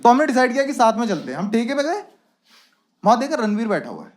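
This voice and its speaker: A man's voice: sing-song, quick pace, very noisy. Young male stand-up comic. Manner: switches into voices of friends and uncle, dropping low for punchlines. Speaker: stand-up comedian. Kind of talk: stand-up routine, acting out dialogue. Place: comedy stage with live audience. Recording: loud crowd laughter behind.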